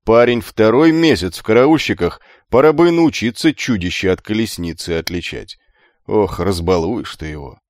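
A man voicing a grumpy, gruff older gate-guard chief with a nasal, scolding manner in an audiobook. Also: fairly low pitch, animated, moderate pace, a little mellow, no room sound, clean studio sound, lightly acted.

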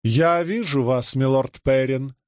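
A man's voice: medium pitch, animated, moderate pace, no room sound, clean studio sound, natural voice. A man voicing a haughty ceremonious noblewoman. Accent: strong foreign-sounding accent, as the figure. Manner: formal, ceremonious, demanding. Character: haughty proud young noblewoman, stiff and ceremonious.

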